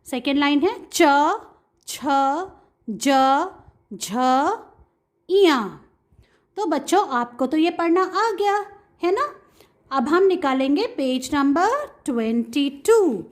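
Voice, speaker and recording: A woman teaching a kindergarten Hindi class, sounding out letters and words slowly so children can repeat after her. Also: sits high, lively intonation. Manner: slow, drawn-out syllables, call-and-repeat drilling. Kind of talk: online lesson for young children.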